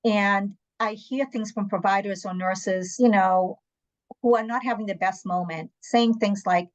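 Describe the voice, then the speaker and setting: Her voice medium in pitch with fairly even intonation, this unhurried interpreter services guest speaks candidly in a panel conversation. She comes from Angola and South Africa, her first language is Portuguese, and she tells anecdotes with emphatic asides.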